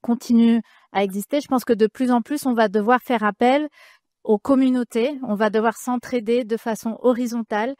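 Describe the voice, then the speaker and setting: A woman's voice: a little high, fairly even intonation, moderate pace, darkish tone, dry recording. Hesitant woman moderator, dry close sound. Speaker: panel moderator. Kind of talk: unscripted panel discussion.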